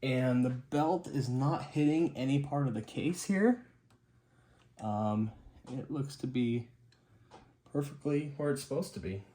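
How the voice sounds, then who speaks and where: Animated but unhurried, a man with a mid-range, dark-toned voice demonstrates a repair on his hi-fi channel, leaving long pauses. He's informal and upbeat, muttering half to himself as he works.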